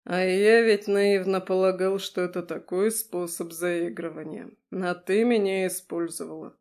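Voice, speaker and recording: A woman's voice: lowish voice, fairly even intonation, unhurried, darkish tone. A woman reading an audiobook, voicing a brash, teasing male werewolf lover with a crude, purring manner. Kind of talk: audiobook character voice.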